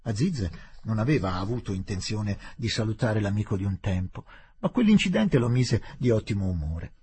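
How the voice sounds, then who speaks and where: A man reading a novel aloud with expressive, measured narration. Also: fairly low pitch, husky. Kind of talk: literary audiobook reading.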